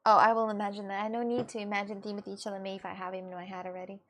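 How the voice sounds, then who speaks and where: A woman's voice: mid-range voice, little pitch movement, a little hiss or hum. Giggly woman. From Russia. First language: Russian. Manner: hesitant, halting English with many fillers and giggles. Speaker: livestreamer. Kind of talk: casual live-stream chat with viewers.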